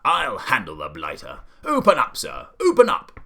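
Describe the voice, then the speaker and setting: A man's voice: fairly low pitch, huge pitch swings, normal speed, sharp tone, full character voice. A man voicing a hot-tempered old aristocratic duke who bellows pompous exclamations. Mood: blustering.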